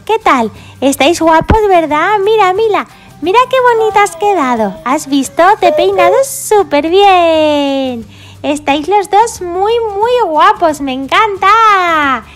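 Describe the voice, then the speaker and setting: A woman's voice: extremely high pitch, pitched above the performer's own voice. A woman voicing a cheerful little girl pig who fusses over her baby dolls with doting sighs. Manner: fussy, doting, sighing often.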